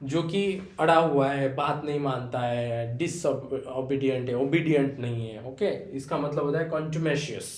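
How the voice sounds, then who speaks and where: A man's voice: mid-range voice, measured pace, few pauses, reverberant. A young Indian man with a Marathi-influenced accent teaching English vocabulary in Hindi, filling his talk with "okay" and calling students "beta". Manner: explains with repeated fillers like "okay" and "है ना"; addresses students fondly as "बेटा".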